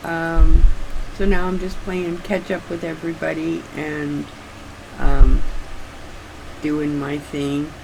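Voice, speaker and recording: An older woman chatting casually and haltingly, with slightly restricted articulation, as if her sore jaw won't open wide. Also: sits low, level tone, creaky, background noise. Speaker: craft vlogger. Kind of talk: casual rambling chat.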